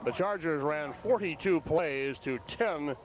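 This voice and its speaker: A man working as a play-by-play broadcaster, giving live halftime football commentary in a measured, conversational, pausing way. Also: fairly high pitch.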